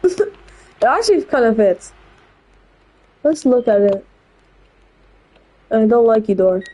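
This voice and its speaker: A woman's voice: fairly high pitch, dark tone, poor audio. A woman giving casual gameplay commentary, rambling with blunt, opinionated asides. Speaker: gameplay channel host.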